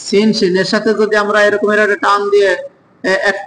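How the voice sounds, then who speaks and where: A man with a high-pitched voice leads a Quran reading class. He asks the students questions and drills letter sounds in slow chants. Faint background noise sits under the recording. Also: completely flat delivery, in a large hall. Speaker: Quran teacher.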